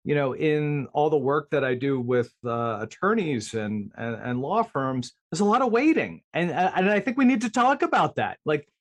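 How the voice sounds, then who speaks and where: A man's voice: on the high side, big pitch swings, moderate pace, hardly any pauses. A man chatting casually as a guest coach in a podcast interview.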